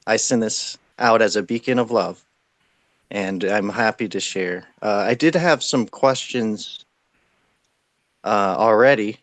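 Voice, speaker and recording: Slow, low-voiced man, reverent questioner. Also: fairly bright tone, no room sound. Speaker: interviewer. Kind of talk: reverent spiritual question-and-answer.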